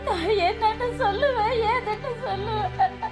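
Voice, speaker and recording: A woman's voice: extremely high pitch, takes it slowly, full character voice. An actress playing a village mother who is crying and wailing in grief over her runaway daughter, in a television serial. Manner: wailing, sobbing lament. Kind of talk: 1990s television serial acting. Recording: loud music underneath.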